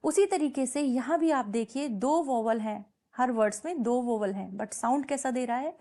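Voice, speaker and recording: A woman with a mellow voice on the high side, speaking at normal speed, explains an English lesson in class, switching between Hindi and English. She patiently repeats example words and checks understanding with repeated questions.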